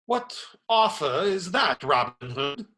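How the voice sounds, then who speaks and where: An actor playing a wary, wry, reluctant friar in a radio play. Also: male voice, on the high side, sing-song, slow pace, bright, forceful tone, heavily acted. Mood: wry, curious.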